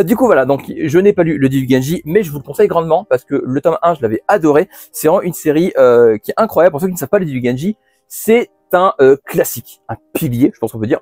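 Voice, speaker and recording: A man's voice: fairly high pitch, animated, quick pace, a little mellow, no room sound, faint music behind. Chatty man hosting a manga haul. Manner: chatty, many fillers and restarts, laughs at himself. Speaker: manga channel host. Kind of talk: casual monthly haul video.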